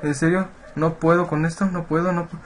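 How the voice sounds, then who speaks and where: A gaming video creator with a Mexican Spanish accent narrates a horror game at his computer, jittery, cursing, and yelping when startled. His voice is on the high side with little pitch movement, brisk and raised, captured by a webcam and computer mic with slight background noise.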